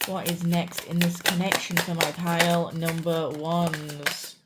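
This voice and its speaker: Heavy background noise surrounds a young UK tarot reader whose fairly low voice is flat and unhurried, cracking at times due to a sore throat. Her pick-a-card reading is chatty and reassuring, full of "you know" and "guys."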